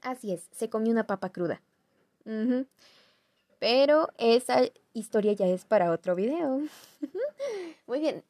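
A woman's voice: a little high, big pitch swings, a little slow, long pauses, darkish tone, dry recording, studio quality. A young woman with a Mexican accent, casually telling a family story to viewers, chatty and self-mocking. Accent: Mexican Spanish. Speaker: vlogger.

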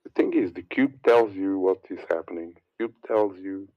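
On a dry, dull recording, a religious commentator speaks at a moderate pace through a preachy, rambling monologue. He repeats words and lists and mocks others in a fake high voice.

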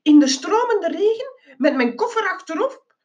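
Geronimo Stilton, high indignant mouse, as a woman puts him on. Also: expressive, slow, highs cut off, heavily acted. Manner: indignant, rising high exclamations. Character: flustered fussy male mouse, easily exasperated.

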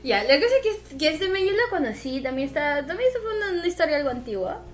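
A woman, co-hosting a casual chat with teasing remarks, loud laughter and dramatic interjections. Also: high-pitched, sing-song, fast talker.

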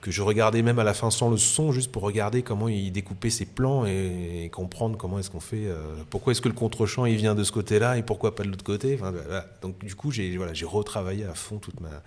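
Male guest from France, low voice, rambling animated anecdotes with restarts. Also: brisk, hardly any pauses. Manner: animated, many repeats and restarts. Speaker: photographer guest. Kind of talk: casual storytelling interview.

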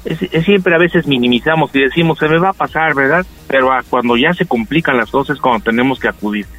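A male doctor appears as a guest on a radio health segment, giving health advice as a patient explainer. His mid-range voice moves fast, calm and explanatory but full of fillers. Faint music sits under the low-quality recording.

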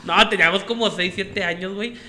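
A man's voice: high-pitched, steady tone, bright, forceful tone. A young man with a Monterrey accent telling stories in a casual chat, joking and full of slang. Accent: northern Mexican, Monterrey. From Mexico. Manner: rapid joking storytelling, heavy slang.

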